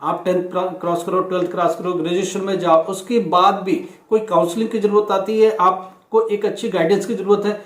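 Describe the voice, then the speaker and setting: High-voiced man, echoey room. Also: flat delivery, a little fast, hardly any pauses. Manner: earnest, warning, reassuring. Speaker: education channel host. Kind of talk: casual talk to students.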